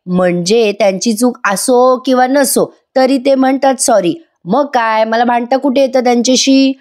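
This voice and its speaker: A woman's voice: on the high side, moderate pace, darkish tone, voice pushed up, natural voice. A woman voicing a fond middle-aged mother who teases her son. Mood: teasing. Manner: affectionate, teasing.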